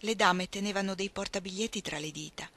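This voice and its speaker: Brief: female reader for literary narration, measured and expressive, bright voice. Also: medium pitch. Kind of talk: scripted narration of a novel.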